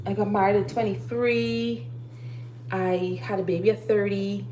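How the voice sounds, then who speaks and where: A woman's voice: medium pitch, steady tone, measured pace, warm tone, a little hiss or hum, low-quality recording. Preachy woman in her thirties. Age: 30s. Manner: preachy, urging, repeats key phrases. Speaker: live streamer. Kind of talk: casual live-stream monologue giving life advice. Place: home kitchen while cooking.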